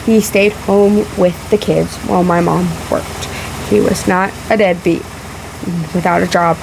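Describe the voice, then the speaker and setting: A woman vlogging a casual, emphatic rebuttal in halting phrases, sounding sick, emotional and a little out of breath, with a fan running in the room. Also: fairly low pitch, fairly even intonation, creaky. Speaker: vlogger responding to a video. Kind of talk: casual rebuttal vlog to camera. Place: room in a house. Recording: loud fan noise in room. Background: fan running in the background.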